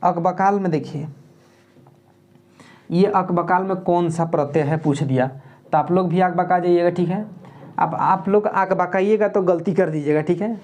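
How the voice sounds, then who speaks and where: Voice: mid-range voice, a little mellow. A teacher giving an exam-prep grammar lesson, who repeats and spells out word parts and keeps checking in with "okay?" while explaining plainly.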